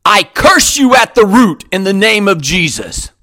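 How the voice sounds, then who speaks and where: Male, very high voice, slow and bright, commanding prayer declarations. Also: very animated. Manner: commanding, forceful, repetitive declarations.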